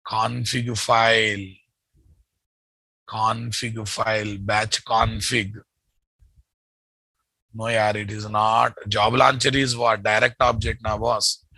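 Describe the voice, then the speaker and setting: Gravelly Telugu-accented man teaching coding. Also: on the low side, level tone, slow pace, long pauses, bright, forceful tone, dry recording, low-quality recording. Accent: Telugu Indian English. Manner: repeats phrases, addresses students with questions and tags. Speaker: programming instructor. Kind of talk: live coding lesson, thinking aloud.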